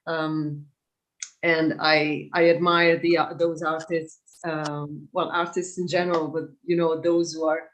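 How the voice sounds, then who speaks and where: Slow, hesitant woman giving a review. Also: low-pitched, low-quality recording. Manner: hesitant, searching for words. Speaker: podcast panel reviewer. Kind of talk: casual, halting spoken review.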